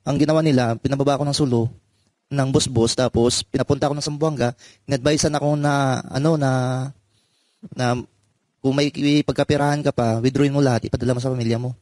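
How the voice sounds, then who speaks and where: Guy, ex-marine, telling his story slow and halting, dry close sound. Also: medium pitch, fairly even intonation, a little mellow, dry recording. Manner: halting, says "sir" often. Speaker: former marine. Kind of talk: personal account in an interview.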